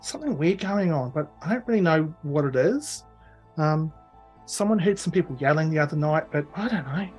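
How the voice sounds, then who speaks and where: A man's voice: a little high, animated, normal speed, darkish tone, slightly rough, soft background music, pitched above the performer's own voice, poor audio. A man playing a nose-picking gnome boy who spreads rumors. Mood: conspiratorial.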